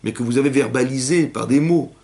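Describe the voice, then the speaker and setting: A man teaching a lively class to young women, asking questions and acting out cries and quotes. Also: mid-range voice, fairly quick, gravelly. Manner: animated, asks questions, acts out cries and quotes. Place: synagogue hall with young women students.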